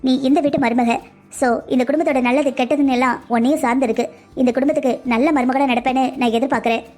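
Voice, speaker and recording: Woman voicing a cartoon mother-in-law, middle-aged, rich, sharp, sarcastic, high, quick. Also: fairly even intonation, soft background music, lightly acted. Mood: stern. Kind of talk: cartoon dubbing.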